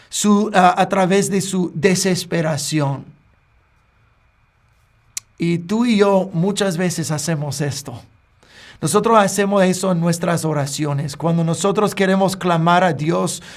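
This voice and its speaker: A male pastor preaches at an unhurried, measured pace in a fairly high voice with a gravelly edge. His delivery is earnest and deliberate, speaking directly to the listener. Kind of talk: sermon.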